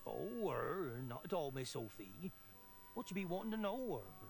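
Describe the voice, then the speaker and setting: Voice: mid-range voice, very animated, normal speed, gravelly, darkish tone, faint music behind. A voice actor playing a timid, hesitant old male mole miner in a video game, speaking a rustic folksy dialect full of hesitant "er"s. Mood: nervous.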